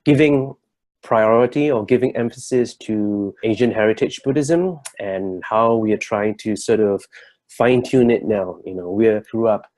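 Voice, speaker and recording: A man's voice: on the low side, moderate pace, darkish tone. A man, giving an earnest, reflective talk as a workshop co-presenter and searching for his words. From Singapore. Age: 30s.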